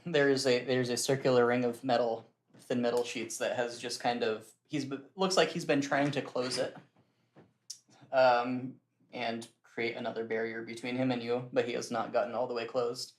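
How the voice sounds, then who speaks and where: Young man, game master, narrates a tabletop game, relaxed and laughing often, mid pitch, roomy echo. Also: moderate pace, a little hiss or hum.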